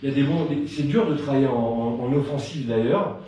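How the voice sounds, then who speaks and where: At medium pitch, brisk and mellow, a French man leads a live Krav Maga class online, calling out combination counts and adding punchy sound effects to his strikes. He stays chatty between drills, warm and a bit winded from the workout. The microphone is far off in a very echoey room.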